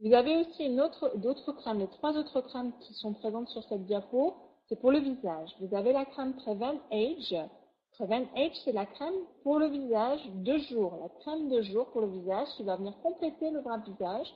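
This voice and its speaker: A woman with a fairly high voice gives an eager sales pitch over a slideshow, piling on superlatives. The audio is thin and tinny, as if over a phone line. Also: animated, normal speed. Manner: enthusiastic, heavy on superlatives. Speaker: product presenter.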